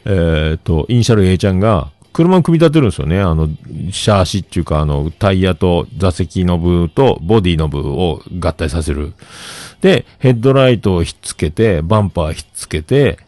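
A man's voice: low voice, fairly quick, no echo. A man, telling rambling stories in a casual solo livestream. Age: 50s. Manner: animated, rambling anecdotes with many fillers. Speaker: livestream host.

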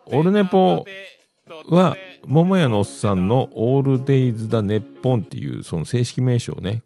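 A middle-aged man from Yamaguchi, Japan, with a mid-range, slightly mellow voice and some vocal fry, hosts a solo radio-style podcast. His delivery is casual, rambling, and chatty, sprinkled with self-amused asides.

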